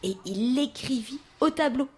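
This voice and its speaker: Husky woman reading a children's book. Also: high voice, normal speed. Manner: lively, expressive reading with whispered asides. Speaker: storyteller. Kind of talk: children's book read aloud.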